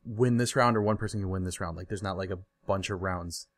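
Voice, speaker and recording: A man's voice: deep voice, a little fast. A man hosting a podcast, chatting casually in a loose, rambling way that keeps restarting. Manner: rambling, loose, self-interrupting. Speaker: podcast host.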